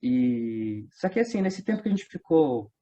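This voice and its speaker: On a muffled recording, a man with a mid-range voice speaks at a moderate pace as a Brazilian interview guest. He writes audio dramas and does voice-dubbing work, and he chats casually, telling animated stories in slang while acting out what others said.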